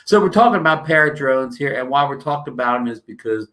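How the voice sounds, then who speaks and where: A man's voice: mid-range voice, lively intonation, fast talker, sharp tone. A man from New Jersey hosting a casual livestream, rambling with many fillers and restarts and greeting viewers, his throat dry. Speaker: livestream host.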